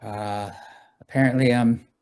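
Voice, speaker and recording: A tired man giving a low-key, halting personal check-in to a group. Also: fairly even intonation, a little mellow.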